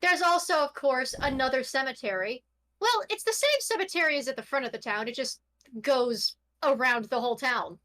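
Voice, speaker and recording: A woman running a tabletop game as game master, narrating scenes slowly and descriptively between casual chatter. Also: sits high, expressive, pushed and bright. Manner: eating while narrating, slow descriptive narration.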